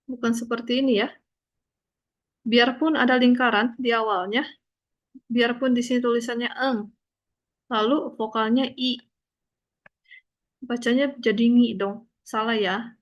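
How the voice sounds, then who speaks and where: A woman teaching a language lesson, explaining slowly and patiently and checking often that her student understands. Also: a little high, steady tone, dull audio. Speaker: Korean teacher.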